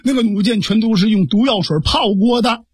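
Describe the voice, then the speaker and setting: Sly fawning male informant, as a male storyteller puts him on, husky, close dry sound. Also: high-pitched, brisk, dry recording. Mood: fawning report.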